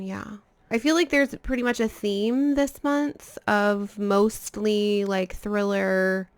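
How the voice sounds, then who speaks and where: A woman's voice: medium pitch, creaky. A woman casually chatting about books for her video channel, rambling a little with frequent fillers. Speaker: book vlogger. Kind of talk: casual book chat.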